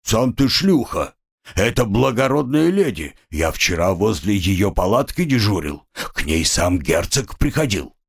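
Reader as a loud male bystander, slow, emphatic, indignant, audiobook. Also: lowish voice, big pitch swings, creaky, husky, heavily acted. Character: boastful male onlooker in a jeering crowd.

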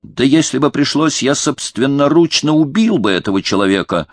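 A man's voice: mid-range voice, animated, moderate pace, no room sound, voice pushed up, close to an everyday voice. A man voicing a proud, hot-tempered young courtier who speaks with passion and defiance. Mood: heated. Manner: impassioned, defiant.

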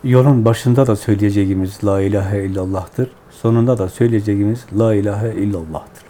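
A man, a Sufi spiritual teacher, giving devotional teaching in measured, repetitive, chant-like phrases. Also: fairly low pitch, steady tone, warm tone, slight background noise.

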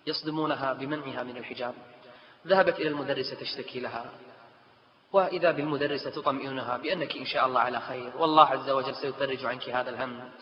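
A man preaching a sermon, telling a story with passion and drama and acting out the voices of the people in it. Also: medium pitch. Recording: lo-fi echoey hall recording.

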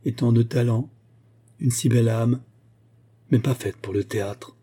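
A man's voice: medium pitch, steady tone, measured pace, mellow, natural voice. A man reading a novel aloud, voicing a mournful old singing teacher. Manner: mournful, tearful.

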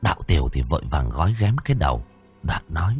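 A man's voice: a bass voice, very animated, fast, a little mellow, soft background music. A man narrating a ghost story dramatically.

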